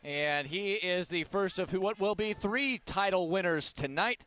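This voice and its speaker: A man calling a fight play by play, excited and shouting at the big moments. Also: high-pitched, measured pace, smooth. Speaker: play-by-play commentator. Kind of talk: fight commentary.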